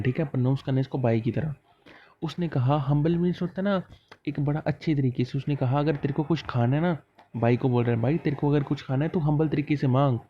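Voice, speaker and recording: In casual classroom style, a chatty exam coaching teacher explains idioms one step at a time, posing questions and answering them himself and acting out little dialogues. His voice is a little high, and the audio sounds dull.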